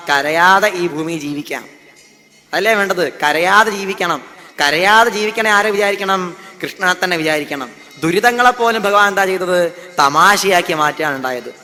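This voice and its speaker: Bright-voiced man preaching in a hall. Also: sits high, moderate pace, soft background music. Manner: asks rhetorical questions and answers them himself. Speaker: Bhagavatam speaker. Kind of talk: devotional discourse. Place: festival hall. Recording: long hall reverb.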